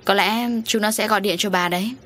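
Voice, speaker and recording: A woman voicing a stern male police officer who questions a couple briskly in a storybook reading. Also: mid-range voice, steady tone, fairly bright tone, natural voice.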